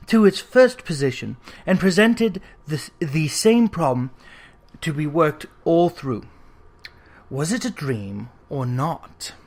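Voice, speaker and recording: A man with a voice on the high side reads a classic Victorian ghost story as an audiobook. His storytelling is theatrical and expressive.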